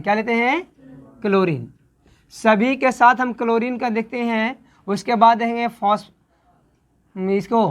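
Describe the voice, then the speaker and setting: A woman's voice: on the high side, muffled recording. Hindi-speaking woman teaching chemistry class. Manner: asks questions and answers them herself, repeating key words. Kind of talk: online class lesson.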